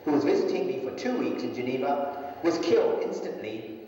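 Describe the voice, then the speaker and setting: A man in his fifties from a Sindhi family, raised in Hong Kong and Japan, telling his life story in a measured way. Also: mid-range voice, very animated, warm tone, a little hiss or hum. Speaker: management consultant giving a testimony. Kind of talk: personal testimony in a video. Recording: distant, very echoey video played in a hall.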